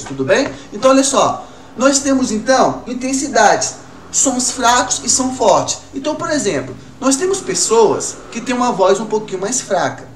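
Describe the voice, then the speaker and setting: A man's voice: high-pitched, recorded from a distance. Male music teacher talking to kids, quizzing them, roomy sound, a bit off mic. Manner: lively, talks to pupils as "gurizada", asks and answers his own questions. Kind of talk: recorded online class for kids. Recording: roomy, from off-mic, faint room noise.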